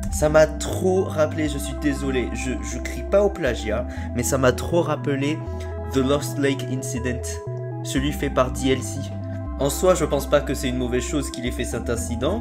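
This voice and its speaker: A man with a French accent doing casual reaction commentary, excitable and slangy, with loud outbursts. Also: mid-range voice. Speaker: video reactor host.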